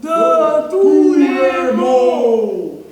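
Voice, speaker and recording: An actress playing a pious, reproachful mother's ghost on stage, chanting solemnly in a drawn-out voice from beyond the grave. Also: very animated, over a noisy crowd, exaggerated voice. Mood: solemn, haunting. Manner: solemn, booming, otherworldly. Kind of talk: theatrical stage acting. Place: theatre stage, far microphone. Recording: echoey theatre hall from far off.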